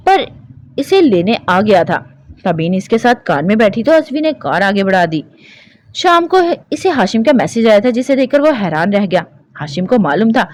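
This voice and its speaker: Expressive woman narrating a romance novel. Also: medium pitch, no echo. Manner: expressive, emotive reading.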